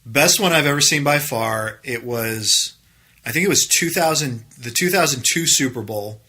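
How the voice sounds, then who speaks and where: A man with a bright voice, talking casually as a podcast co-host. He wanders through his thoughts with plenty of "um"s and keeps the chat going with questions. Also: mid-range voice, moderate pace, slightly rough. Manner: rambling, many fillers, asks questions back.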